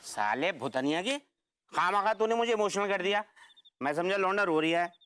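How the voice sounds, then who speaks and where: A man's voice: sits high, lively intonation, moderate pace, fairly bright tone, clear, resonant tone. An actor playing a sentimental, joking man consoling his friend in a TV comedy.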